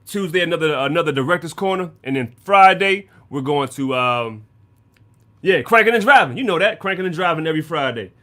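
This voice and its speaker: Hyped slangy host, a bit high. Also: male voice, lively intonation, brisk, pushed and bright. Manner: hyped, slangy, keeps saying "you know what I'm saying". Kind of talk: casual chat.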